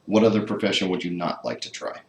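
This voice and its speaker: Deep-voiced wry male interviewer. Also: lively intonation, quick pace, gravelly. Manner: wry, teasing questions. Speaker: interviewer host. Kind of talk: casual interview. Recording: echoey room with faint noise.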